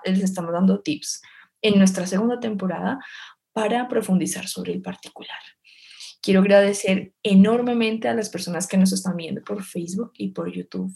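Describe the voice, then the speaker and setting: A woman's voice: medium pitch, creaky, darkish tone. A woman co-hosting a live-streamed talk show, effusive and given to filler words. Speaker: co-host.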